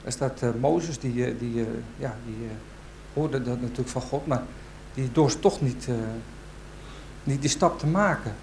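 Lay male church speaker, mid-range voice, halting and unsure, faint background noise. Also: medium pitch, a little mellow, poor audio. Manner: halting and unsure, searching for words. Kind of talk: informal church talk with Bible reading. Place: in front of a church gathering.

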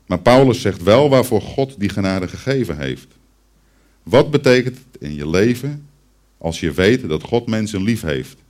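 A preacher with a deep, low-pitched voice delivers a Christmas sermon. He speaks straight to the children and the congregation, drawing them in with a story. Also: expressive, a little slow, darkish tone. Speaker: pastor.

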